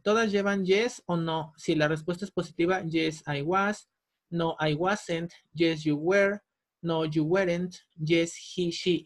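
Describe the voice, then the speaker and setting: A man teaching English grammar in a recorded lesson, explaining patiently step by step and slowing down for the English examples. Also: fairly high pitch.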